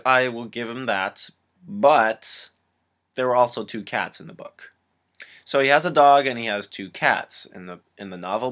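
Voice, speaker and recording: A man's voice: medium pitch, a bit bright. A young man reviewing a film casually, rambling and sarcastic with many restarts.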